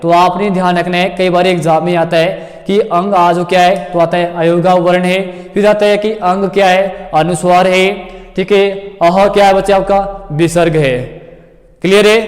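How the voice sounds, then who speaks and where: A male coaching teacher explains grammar to exam students a fairly high voice. He repeats points, calls his students kids and checks often whether they follow. The recording has a long, lingering reverb.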